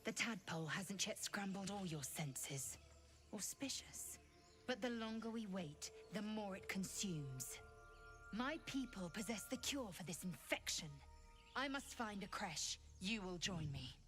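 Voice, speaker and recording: A woman's voice: mid-range voice, animated, unhurried, a bit bright, faint music behind. An actress playing a stern, haughty alien warrior woman in a fantasy game, clipped and formal. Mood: urgent, commanding. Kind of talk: fantasy video game acting.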